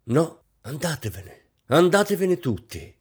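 A man reading aloud voices an anxious wealthy hostess, a woman who talks in a frantic, high-strung way. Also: big pitch swings, brisk.

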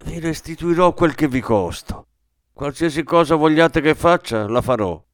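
A man's voice: on the high side, expressive, moderate pace, no room sound, studio quality, voice pushed up. Humble, polite young drifter voiced by a male narrator in a storybook reading, earnest and plain. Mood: pleading.

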